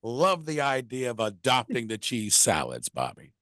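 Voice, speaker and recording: A man's voice: mid-range voice, huge pitch swings, moderate pace, sharp tone, no echo, studio quality. A man hosting a radio interview, wrapping up with friendly banter. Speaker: radio show host.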